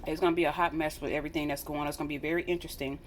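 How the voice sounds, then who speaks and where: Flat and rapid-fire, her low-pitched voice carries over slight background noise. The American vlogger chats straight to her audience in a casual, earnest manner, restating phrases for emphasis.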